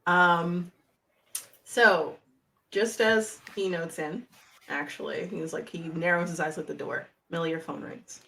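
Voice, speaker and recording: A woman's voice: fairly low pitch, steady tone, unhurried, vocal fry, sharp tone, far from the mic. Woman running a tabletop game, chatty, keeps cracking up. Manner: laughing often, loose and chatty. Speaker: game master.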